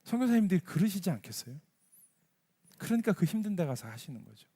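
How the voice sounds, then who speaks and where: A man preaching a sermon in a church, his voice sitting high and swinging widely between peaks and dips. He keeps it conversational, firing off rhetorical questions and briefly acting out the prayers of the people he describes. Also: very animated, fast, warm tone, breathy edge. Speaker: pastor. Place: church sanctuary.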